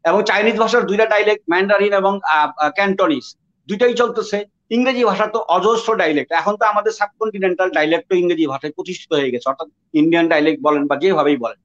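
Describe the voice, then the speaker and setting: A man from Bangladesh with a Dhaka Bengali accent, speaking in a reflective interview, discursive and often pausing with fillers to search for words. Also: sits high, fairly bright tone, dull audio. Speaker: interviewee, writer.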